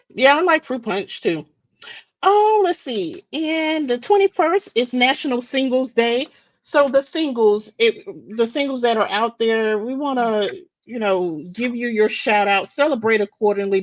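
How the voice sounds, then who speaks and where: A woman's voice: on the high side, expressive, measured pace, no room sound, dull audio. A woman from the United States presenting daily facts in a casual live-stream chat, talking freely with restarts and fillers. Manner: chatty, with frequent restarts and fillers.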